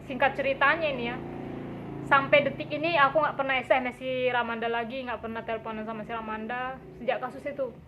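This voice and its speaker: A woman's voice: high-pitched, quick pace, background noise. A young woman telling a personal story in a casual vlog, acting out quoted lines with a raised voice. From Indonesia. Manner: lively, acts out quotes with raised voice. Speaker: vlogger. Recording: dull lo-fi recording.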